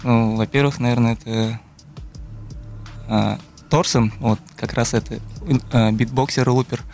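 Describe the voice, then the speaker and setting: Searching for words as he thoughtfully answers interview questions, this young guest musician from Buryatia, Russia, a beatboxer and looper, speaks in a mid-range, a little mellow voice. His intonation is fairly even, his pace a little slow, with faint music in the background.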